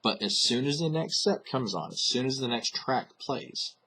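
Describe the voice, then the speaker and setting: A man's voice: medium pitch, animated, normal speed, sharp tone, breathy edge. A man hosting a casual monologue, thinking aloud with frequent fillers and restarts. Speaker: host.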